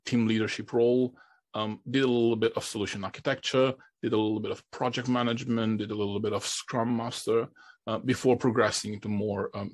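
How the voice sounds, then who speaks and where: A middle-aged man from Romania, giving a conference presentation and often restarting his phrases. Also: lowish voice. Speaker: conference speaker.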